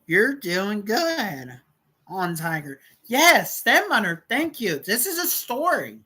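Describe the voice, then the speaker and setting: A woman's voice: mid-range voice, sing-song, takes it slowly, sharp tone, husky, low-quality recording. A woman hosting a livestream, telling a rambling story with lots of repetition and cursing. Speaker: livestream host.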